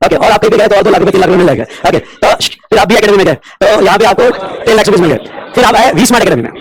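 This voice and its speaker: A man's voice: high voice, expressive, very fast. A man teaching a classroom lecture on tax law. He mixes Hindi and English and keeps checking whether his students are following. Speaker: commerce teacher.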